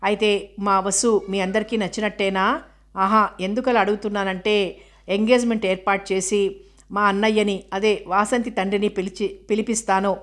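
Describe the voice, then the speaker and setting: A woman reading the lines of a composed aunt in a novel, measured and calm. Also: medium pitch, natural voice.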